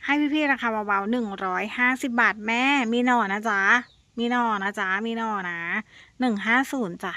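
A woman giving a casual sales pitch to her viewers, chatty and coaxing, sweetly addressing them as elder siblings and repeating words playfully for emphasis. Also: normal speed, bright, forceful tone, dry recording. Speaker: plant seller.

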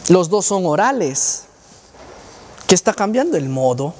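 A man's voice: high-pitched, big pitch swings, measured pace, a little mellow, a little hiss or hum. Male lecturer, quizzing and demonstrating sounds, reverberant hall. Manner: quizzes the audience and demonstrates speech sounds aloud. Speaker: speech therapist giving a university lecture. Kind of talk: lecture to students.

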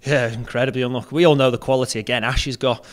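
Smooth-voiced young football captain. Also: male voice, mid-range voice, steady tone. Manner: plain, measured, repeats words while thinking. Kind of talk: post-match interview. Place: indoors in front of a sponsor backdrop. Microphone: handheld mic held close.

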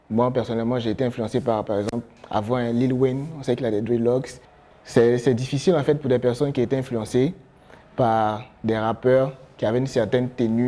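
A young man with an Ivorian French accent, a gospel rapper answering interview questions in a relaxed way, often pausing with fillers. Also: medium pitch. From Côte d'Ivoire. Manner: relaxed, gestures a lot while talking, frequent fillers. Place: studio with branded backdrop, seated.

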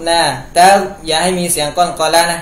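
A man's voice: on the high side, level tone, brisk. Man teaching Quran recitation. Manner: recites a phrase, then explains pronunciation rules patiently. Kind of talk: step-by-step recitation lesson. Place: room at home. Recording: echoey room with faint noise.

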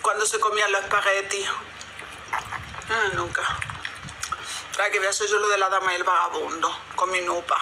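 A woman's voice: mid-range voice, flat delivery, a little fast, long pauses. Andalusian woman chatting while chewing. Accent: Andalusian Spanish. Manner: chewing while talking, eating spaghetti. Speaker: livestream host. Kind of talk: casual livestream chat. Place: home dining area, indoors. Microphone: phone at arm's length. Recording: clearly noisy phone livestream.

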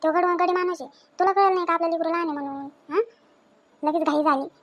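A middle-aged woman playing a demanding, quick-tempered mother-in-law in a home drama. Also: extremely high pitch, steady tone, fairly bright tone, muffled recording.

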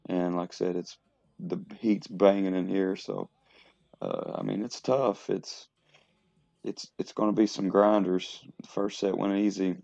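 A very deep, flat-voiced man talks to the camera between heavy lifting sets, halting and filling his pauses as he explains his training. His voice has a gravelly, dark edge, and the gym audio sounds dull and lo-fi. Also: dry recording. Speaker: fitness vlogger.

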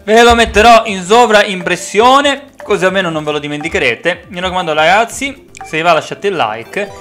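A man giving live commentary over his racing game as a streamer, swinging from low mutters to frustrated yells. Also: moderate pace, soft background music. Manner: excitable, swings from mutters to yelling. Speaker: gaming streamer.

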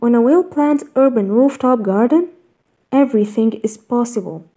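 A woman reading a scripted voice-over in a measured, even list-reading way, narrating step-by-step tips. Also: on the high side. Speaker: narrator of a garden design slideshow.

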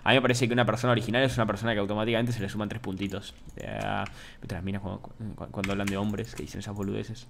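A young man with an Argentine accent chatting casually on a gaming stream, joking with viewers and swinging from low mumbles to shouts. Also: level tone, rapid-fire, creaky, background noise. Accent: Argentine Spanish. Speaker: Minecraft streamer.

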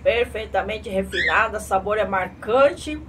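A woman's voice: medium pitch, unhurried. A middle-aged woman presenting a tasting vlog in a cutesy anime-streamer manner, sprinkling in Japanese catchphrases. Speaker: vlogger reviewing drinks. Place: tiled home room at a table. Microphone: camera a short distance away. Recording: clear ambient room noise.

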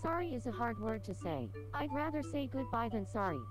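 A woman's voice: fairly high pitch, big pitch swings, brisk. A synthetic female text-to-speech voice playing a chirpy young cartoon life-sim game avatar in a stilted, sing-song delivery. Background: video game music.

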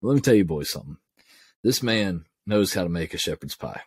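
A man's voice: low voice, expressive, a little fast, breathy edge, no room sound, clean studio sound. A man, co-hosting a podcast in casual, enthusiastic, folksy chat. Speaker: podcast co-host.

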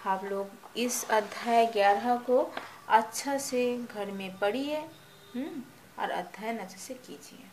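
A woman teaches a kindergarten class in a slow, patient way and keeps asking the little ones questions. Her voice sits a bit high and she takes her time over every word. A faint hiss runs under the recording. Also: a little mellow. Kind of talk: kindergarten lesson.

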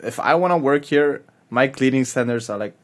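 A man's voice: mid-range voice, fairly quick. A man, a chef telling stories as a podcast guest, laughing often and talking in loose slang with casual swearing. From Hamburg, Germany. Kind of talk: casual storytelling.

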